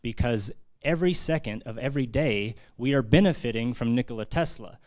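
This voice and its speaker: Slightly mellow and a touch quick, a mid-range male voice belongs to an American author presenting his book. He gives a conversational, earnest talk full of fillers at a launch in a press centre conference room.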